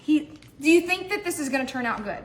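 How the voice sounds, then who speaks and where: A woman's voice: high-pitched, animated, fast talker. A woman from Mississippi with a Southern accent, hosting a cooking demonstration in a bubbly, enthusiastic way. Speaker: cooking show host.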